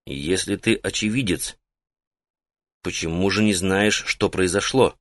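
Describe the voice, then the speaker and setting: A man voicing a calm, curious male mage in a storybook reading, speaking quietly and in a measured way. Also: low voice, no echo, clean studio sound, pitched below the performer's own voice. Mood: thoughtful.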